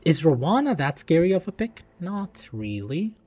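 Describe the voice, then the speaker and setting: Male streamer, casual play-by-play, very animated pitch, thinks aloud over game music, slightly dull audio. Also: moderate pace. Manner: thinking aloud, muttering asides. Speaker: gaming streamer. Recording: dull lo-fi sound, music behind.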